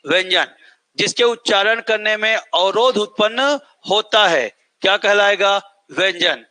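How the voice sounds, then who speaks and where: A man with a high, sharp voice speaks at a measured pace with no echo, teaching a class lecture-style. He repeats his points and quizzes students, drilling answers as they respond in call-and-response fashion.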